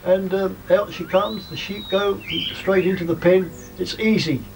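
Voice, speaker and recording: A man's voice: high-pitched, fairly even intonation, a little slow, gravelly. An older man giving informal instruction as a sheepdog trainer, explaining things in a plain-spoken, rambling way. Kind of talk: informal instructional commentary and advice. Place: outdoors in a field. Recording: distant mic, outdoor ambient noise.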